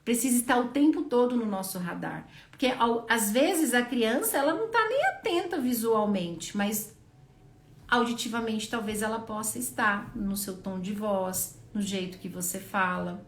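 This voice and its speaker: A young Brazilian woman with a slightly high voice teaches fellow speech therapists live. She stays animated and breaks into loud, exaggerated sound demonstrations. Her voice rings in an echoey room. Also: moderate pace. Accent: Brazilian Portuguese.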